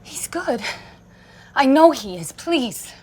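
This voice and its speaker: A woman's voice: mid-range voice, animated, measured pace, husky. A woman playing an anxious, loving mother who pleads for help in an audio drama. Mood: worried.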